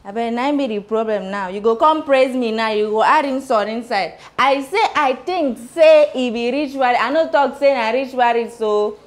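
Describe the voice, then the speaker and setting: A woman's voice: a little high, normal speed, few pauses, lightly acted. An actress playing a sassy young woman who works in a shop, teasing in Nigerian Pidgin. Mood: bantering. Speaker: shop worker. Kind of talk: Nollywood film acting.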